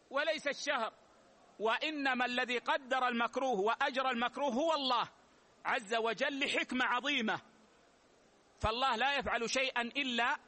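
Man, religious lesson, very high voice, bright tone, repeats key phrases, measured teaching. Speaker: Islamic scholar teaching. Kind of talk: religious lesson explaining rulings.

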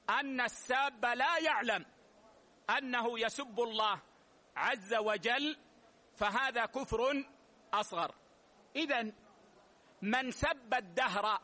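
A man, an Islamic scholar, giving a measured religious lesson and repeating key phrases slowly for his students. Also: very high voice, pushed and bright. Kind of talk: religious lesson explaining rulings.

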